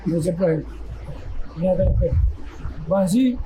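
A guest tells his boxing story casually, acting out quotes by raising his voice. He speaks unhurriedly in a high-pitched voice with a dark tone, over a noisy background hiss.

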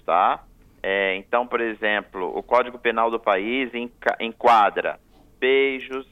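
A man, a guest on a radio talk show, giving firm, repetitive explanations of travel rules. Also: medium pitch. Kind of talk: radio interview. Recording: tinny phone line on radio.

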